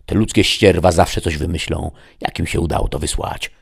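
A man's voice: deep voice, normal speed, gravelly, breathy edge, full character voice. A man voicing a small, timid male lizardfolk creature, talking hesitantly. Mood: uncertain. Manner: hesitant, stammering.

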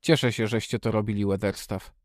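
A man voicing a frail young boy in a storybook reading, talking quickly and eagerly with a commanding edge. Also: fairly low pitch, fairly even intonation, no echo, studio quality, lightly acted.

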